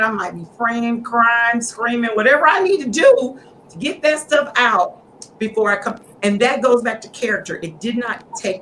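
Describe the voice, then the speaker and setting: A middle-aged woman hosting a casual chat among women, talking in an animated, preachy storytelling way. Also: a little high, a little hiss or hum, poor audio. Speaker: host.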